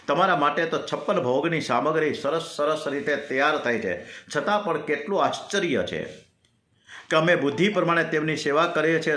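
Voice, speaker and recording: A man's voice: on the high side, fairly bright tone. A man voicing a devoted male companion who anxiously pleads with his lord, in an earnest, questioning way. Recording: roomy echo.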